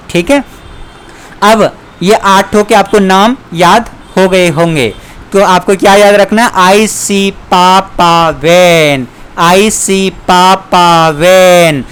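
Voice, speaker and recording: A man teaching grammar who stretches his words out slowly, as if dictating to a class. His voice is smooth and clear, and he keeps repeating questions back to his students. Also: high-pitched.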